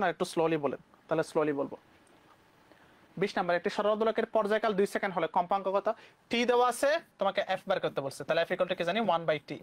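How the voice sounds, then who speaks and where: A young man from Bangladesh with a Bangladeshi Bengali accent, teaching physics exam questions briskly and mixing English terms into his speech. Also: sits high. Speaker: physics tutor. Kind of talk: exam-prep lesson.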